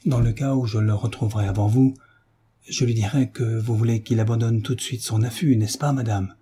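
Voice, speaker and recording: A man reading the part of a sturdy farmer guiding a lady, steady and respectful. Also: on the low side, a little fast, husky. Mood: reassuring. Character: sturdy, calm, dutiful male farmer guide.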